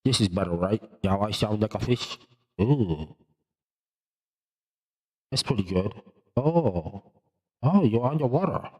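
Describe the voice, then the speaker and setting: A man's voice: fairly low pitch, expressive, takes it slowly, long pauses, darkish tone, slightly rough. A man streaming live, talking through an underwater gurgling voice filter as he tests voice effects. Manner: testing voice effects, reacting to chat. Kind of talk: casual live-stream chat. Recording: voice effect with music behind. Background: music.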